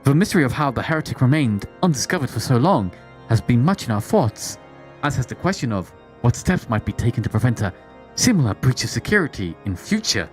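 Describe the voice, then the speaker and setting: A woman's voice: a bass voice, big pitch swings, soft background music. Woman voicing a grave medieval nobleman. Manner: archaic, grave, measured. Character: stately formal medieval nobleman, man.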